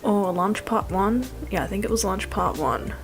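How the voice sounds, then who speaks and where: Casting: young female vlogger for casual voice-over, mid-pitched, wry and rambling, self-deprecating slangy delivery, music bed underneath. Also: moderate pace. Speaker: food vlogger.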